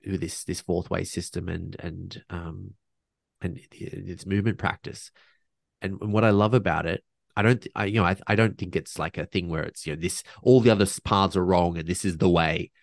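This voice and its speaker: Deep gravelly man, earnest podcast guest. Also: no room sound, studio quality. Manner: reflective, earnest, with frequent restarts and ums; casual swearing and slang. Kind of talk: casual conversational interview.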